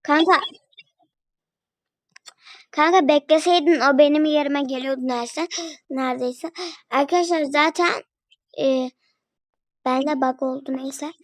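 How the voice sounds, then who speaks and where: High-voiced young woman chatting through gameplay. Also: measured pace, long pauses, no echo, low-quality recording. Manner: chatty, talks to viewers and a friend while playing. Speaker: gaming video creator. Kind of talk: casual gameplay commentary. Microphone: phone.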